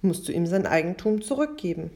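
A woman voicing a calm, gently firm mother in a storybook reading. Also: lowish voice, brisk, creaky. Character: patient, firm widowed mother.

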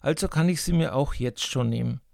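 A man's voice: medium pitch, fairly quick, vocal fry, darkish tone, no echo, clean studio sound, close to an everyday voice. A man voicing a hungry, greedy boy who talks himself into eating more. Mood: scheming. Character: greedy hungry boy, sly and self-justifying.

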